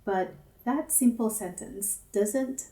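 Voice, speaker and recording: A woman, a counselor speaking in a gentle, measured, introspective personal monologue. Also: mid-range voice. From Singapore. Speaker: counselor and academic advisor. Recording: roomy echo, mic at a distance.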